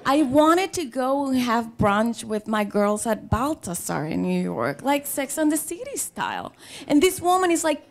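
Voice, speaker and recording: Telling a personal story live before an audience at a storytelling show, this middle-aged native Spanish speaker from the Dominican Republic has a Dominican Spanish accent. Her mid-range voice is creaky, and she keeps things conversational and playful, using dramatic pauses.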